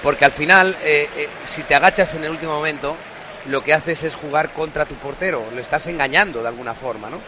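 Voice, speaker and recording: A man's voice: on the high side, fairly quick. A man with a Spanish accent from Spain gives live football analysis on radio as a pundit, explaining his point in an emphatic, insistent way. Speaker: football pundit, former player. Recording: stadium crowd noise behind.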